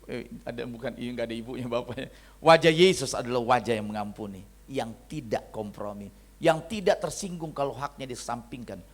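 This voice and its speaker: A middle-aged male pastor preaching a sermon, telling stories with sudden shifts between loud, excited bursts and quiet asides. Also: medium pitch, a little fast. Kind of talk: sermon with storytelling. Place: fellowship meeting hall.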